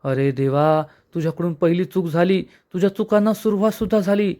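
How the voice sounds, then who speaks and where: A theatrical, fault-finding aunt-in-law, put on by a man, in a raised voice. She shouts and accuses, and makes every small thing a disaster. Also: sits high, steady tone, brisk, pitched above the performer's own voice, natural voice. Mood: scolding. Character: scolding, dramatic older woman, aunt-in-law.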